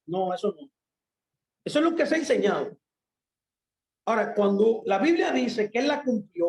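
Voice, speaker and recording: A man preaching a sermon with a rather high voice that rings through an echoey room. He speaks emphatically and often asks himself questions that he then answers. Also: a little mellow.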